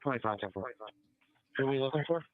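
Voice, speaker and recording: A man's voice coming through a police scanner radio, quick and to the point, with clipped codes and acknowledgements. The sound is dull and lo-fi and seems to come from some distance. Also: medium pitch, no echo. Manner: clipped radio call-and-response.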